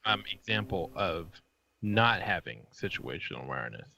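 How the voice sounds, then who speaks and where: A man joining a live stream over a video call, with a very low, deep voice. He is relaxed and joking, and his sentences wander a bit as he talks. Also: moderate pace, creaky. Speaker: guest. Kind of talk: casual live-stream chat.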